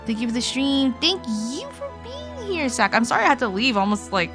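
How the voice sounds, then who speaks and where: Game music runs behind a weary woman who streams herself gaming, chatting informally, wandering between topics and trailing off often. Her voice is high, sing-song and brisk.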